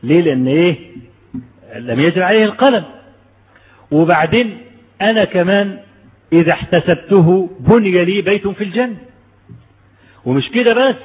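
Husky Egyptian preacher in echoey hall. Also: male voice, sits high, expressive, fast, pauses often, phone-quality sound. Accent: Egyptian Arabic. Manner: storytelling, rhetorical questions to the audience. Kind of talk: conversational sermon.

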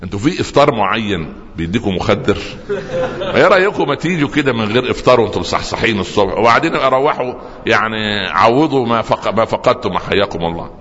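Male preacher, lively storytelling sermon, long hall reverb, dull lo-fi sound. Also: lowish voice. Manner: lively storytelling with humor and audience asides.

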